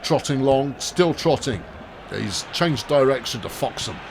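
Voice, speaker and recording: A man gives dry, sarcastic commentary on a football management game. His voice has a gravelly edge and swings widely in pitch. A faint noise sits in the background. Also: expressive, a little slow. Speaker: gaming commentator. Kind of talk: casual gameplay commentary.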